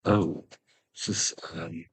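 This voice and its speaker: A man hosting a video offers casual gameplay commentary, muttering haltingly to himself as he thinks aloud. There is no echo.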